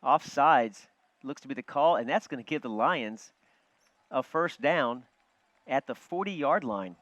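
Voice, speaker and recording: A man calling live football play-by-play from a broadcast booth, quick and chatty, joking with his partner. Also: medium pitch, lively intonation, a bit bright, no room sound. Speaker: play-by-play announcer. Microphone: broadcast booth headset. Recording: dull, muffled broadcast audio.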